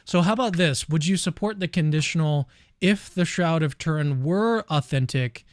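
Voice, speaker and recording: A man's voice: a little high, normal speed, no echo, studio quality. A man interviewing a guest, asking rambling questions full of fillers and restarts. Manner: eager, hedging with uh and restarts. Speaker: interview host.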